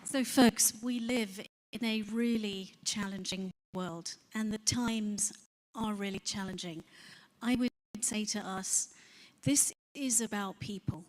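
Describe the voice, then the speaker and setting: A woman's voice: medium pitch, slow, a little hiss or hum. Direct, plain-spoken woman speaker. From Ethiopia. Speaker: conference speaker. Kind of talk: formal closing speech.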